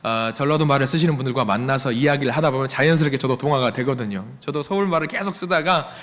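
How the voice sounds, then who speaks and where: A man's voice: mid-range voice, fast talker, fairly bright tone. A male pastor in his forties preaching a sermon, repeating rhetorical questions with emphasis. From Jeolla region, Korea. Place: church sanctuary. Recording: long church hall reverb.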